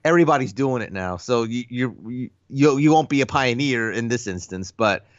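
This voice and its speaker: A man co-hosting a film podcast, relaxed and enthusiastic as he retells scenes and calls his partner "bro." His voice is mid-pitched and recorded dry, with no room sound. The audio is a touch dull and lo-fi. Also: moderate pace, no echo. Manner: laid-back, enthusiastic, says "bro". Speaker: podcast co-host. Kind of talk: casual film discussion.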